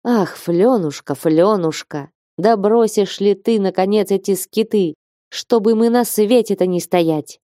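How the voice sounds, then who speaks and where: A woman's voice: medium pitch, a little slow, mellow, dry recording, clean studio sound, natural voice. A woman reading an audiobook and voicing a passionate young man in love, who urges and insists.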